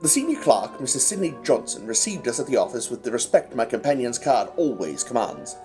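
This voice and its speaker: A man playing Doctor Watson, an earnest gentlemanly companion and narrator in a radio play, with a husky voice. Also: medium pitch, big pitch swings, a little fast, faint music behind, natural voice. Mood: narrating.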